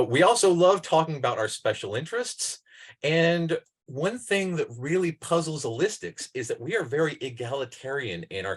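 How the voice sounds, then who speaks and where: A man of average pitch lecturing to fellow clinicians on a video call. His delivery is informal and tangential, with many "uh" fillers and sudden emphatic lifts when a point excites him. He sounds like a presenter following his thoughts rather than a script. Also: husky. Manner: tangential and digressive, with frequent "uh" fillers. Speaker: clinician presenting to mental health providers.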